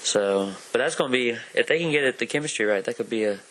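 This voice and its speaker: A man's voice: medium pitch, lively intonation, quick pace, fairly bright tone. A man co-hosting a casual chat about movies and sports, rambling with lots of fillers. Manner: rambling, filler-heavy, hedging. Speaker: podcast co-host.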